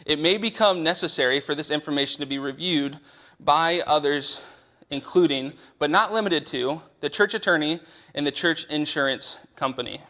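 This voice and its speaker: Male presenter for a church training session, reading policy and adding casual explanations; bright, somewhat high voice. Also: moderate pace. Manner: reads policy text, then explains it in casual asides. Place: church meeting room.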